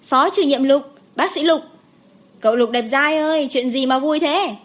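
A woman voicing a chatty middle-aged head nurse in an audiobook, calling out loudly and playfully. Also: high voice, normal speed, voice pushed up, close to an everyday voice.

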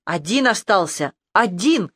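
A woman's voice: mid-range voice, animated, unhurried, a bit bright, no echo, clean studio sound. A woman reading an audiobook, voicing a swarm of small night creatures with a grating, screeching voice that repeats its words. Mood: screeching eager.

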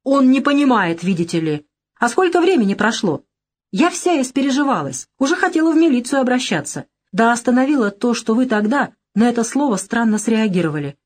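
A woman reading an audiobook, voicing a lively, ironic young woman in a brisk, teasing manner. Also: fairly high pitch, voice pushed up. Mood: reproachful. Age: young adult. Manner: brisk, teasing, bright lilt. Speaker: audiobook character.

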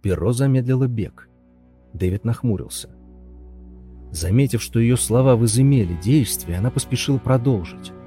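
A man narrating a story in a measured reading style, close to the mic. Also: medium pitch, animated, warm tone, soft background music. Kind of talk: audiobook narration.

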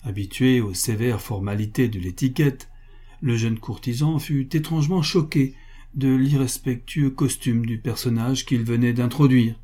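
Husky, dark-voiced male narrator. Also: mid-range voice, fairly even intonation, moderate pace. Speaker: audiobook narrator. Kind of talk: scripted narration.

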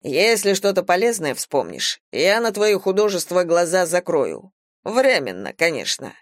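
A woman voicing a stern middle-aged male police captain in an audiobook, speaking slowly and deliberately. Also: lowish voice, sing-song, dry recording. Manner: dry, slow, deliberate. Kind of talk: audiobook character voice.

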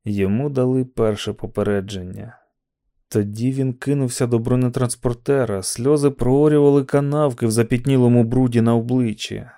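A man narrating an audiobook in a steady, dramatic storytelling manner. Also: mid-range voice, moderate pace. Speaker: audiobook reader.

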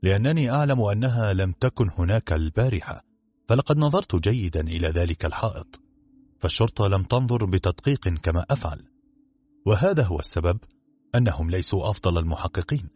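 A man voicing a calm, sharp-witted detective in a storybook reading, speaking with quiet amusement and a husky voice. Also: low-pitched, quick pace.

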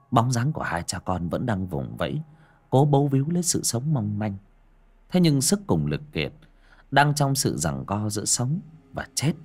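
A man narrating a dramatic audiobook story, swinging between loud and hushed delivery. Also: fairly low pitch, breathy edge.

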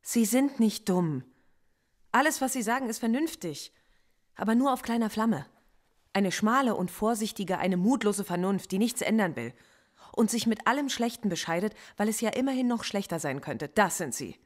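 In a radio play, an actress voices a female philosophy professor being interrogated, sounding defiant, articulate, precise and cutting. Her mid-range voice is animated and lightly acted, at a moderate pace.

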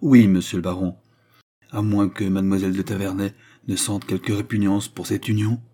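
Man voicing a solemn young count, formal and earnest, dark husky tone. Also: deep voice, steady tone, normal speed. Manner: ceremonious, formal.

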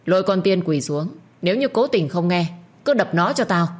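A cold young master of the house in an audio story, barking clipped orders and sneering, as a woman with a husky, low voice plays him. His voice stays low and hard. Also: animated, moderate pace. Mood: commanding. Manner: clipped orders, mocking half-smile tone.

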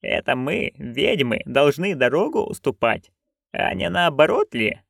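A man voicing a proud, hot-tempered old witch woman who hisses and growls her words slowly. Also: sing-song, gravelly, fairly bright tone, no echo, studio quality, full character voice. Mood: seething. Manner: hissing, growling, slow and low.

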